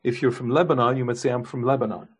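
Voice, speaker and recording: Man, pastor, sermon, husky voice, earnest, repeated rhetorical questions. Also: mid-range voice, steady tone, quick pace.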